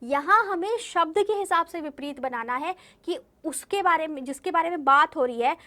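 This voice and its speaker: A woman's voice: extremely high pitch, fairly bright tone. A young woman teaching a class of young children, patient and repetitive, often asking them questions. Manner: patient, repeats herself, asks the children questions. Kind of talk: online class lesson.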